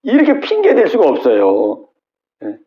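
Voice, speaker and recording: A middle-aged man preaching a midweek sermon as pastor, repeating key words and prodding listeners with quick asides. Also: on the high side, huge pitch swings, dull audio. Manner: repetitive call-and-response with frequent "예?". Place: church sanctuary.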